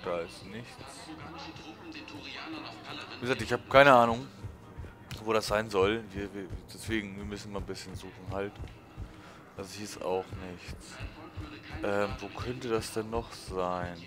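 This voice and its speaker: Casting: male let's play host, lowish voice, casual thinking-aloud commentary, game music clearly behind him. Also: fairly even intonation, measured pace, pauses often, fairly bright tone.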